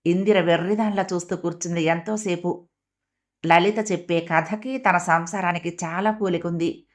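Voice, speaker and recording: A woman narrating an audio story with a measured, expressive reading. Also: on the low side.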